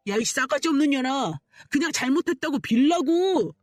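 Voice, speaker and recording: A woman's voice: high-pitched, big pitch swings, brisk, dry recording, clean studio sound, soft background music, voice pushed up. A woman voicing a rude, hot-tempered young man who snaps and curses at his fiancée, in a radio story reading. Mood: angry. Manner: rude, bossy, shouting.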